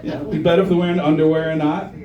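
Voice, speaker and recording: A man's voice: on the high side, fairly even intonation, quick pace, muffled recording. Crude stand-up man in a roomy bar. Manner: crude, punchy delivery with crowd banter. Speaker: stand-up comedian. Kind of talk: stand-up comedy set. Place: comedy bar with a live audience. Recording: roomy live club sound from a distance. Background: audience laughing.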